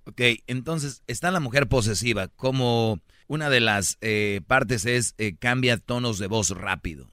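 A man's voice: medium pitch, measured pace, hardly any pauses, a bit bright, no room sound, studio quality. A man with a Mexican Spanish accent hosting a comedic advice talk show, lecturing, joking and mimicking other people's voices. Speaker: radio show host.

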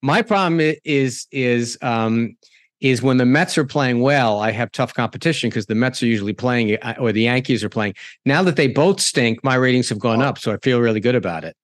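A middle-aged podcast and radio host with a mid-range voice speaks at a moderate pace in clean studio sound with no echo. Hosting a talk podcast, he's chatty and rambling, often breaking off and restarting mid-sentence.

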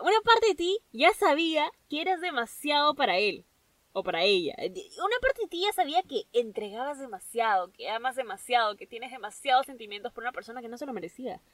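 A woman hosting a solo podcast, giving an excitable, gushing pep talk and dropping English phrases into her speech. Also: on the high side, no echo, far from the mic. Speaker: podcast host.

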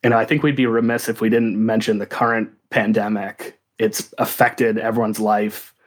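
A man hosting an interview, asking questions in a calm, even way. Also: fairly low pitch, normal speed.

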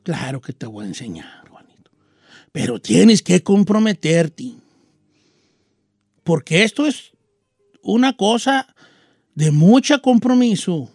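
A man voicing a wise, patient old male guitar maker who speaks slowly and earnestly. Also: sits high, very animated, darkish tone, no room sound, studio quality, pitched below the performer's own voice, heavily acted. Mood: solemn. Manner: slow, earnest advice-giving.

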